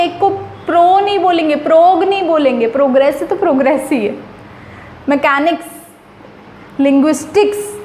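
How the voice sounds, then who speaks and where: A woman's voice: very high voice, echoey room, a little hiss or hum. A woman teaching English grammar in a chatty, emphatic way, slipping English phrases into her explanations. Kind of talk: casual explanatory lesson.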